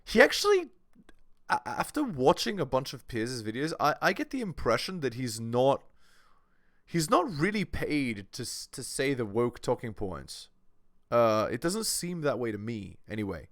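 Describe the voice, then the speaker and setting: A man's voice: medium pitch, big pitch swings, moderate pace, a bit bright, dry recording, clean studio sound. A man hosting a reaction video, giving casual, hesitant commentary. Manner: hesitant, restarts and fillers.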